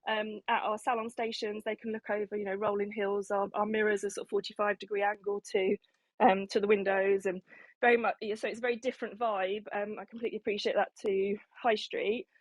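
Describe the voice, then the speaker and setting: A woman's voice: mid-range voice, little pitch movement, fairly quick, dry recording. Chatty woman, slightly breathless. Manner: rambling, lots of ums and restarts. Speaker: salon owner and hairstylist. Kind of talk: casual chat on an audio room.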